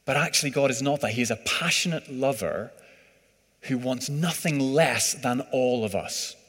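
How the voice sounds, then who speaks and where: Preacher in a reverberant hall. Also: male voice, mid-range voice, moderate pace, a bit bright, slightly rough. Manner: conversational, hesitant with fillers and "sort of". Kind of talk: sermon.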